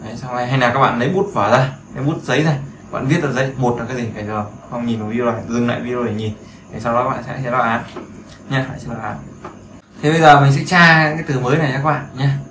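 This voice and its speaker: This English teacher's mid-range voice is steady, fast and fairly bright as he runs a chatty screen-share lesson for beginners. He repeats himself and keeps seeking agreement, recorded in an echoey room with faint background noise.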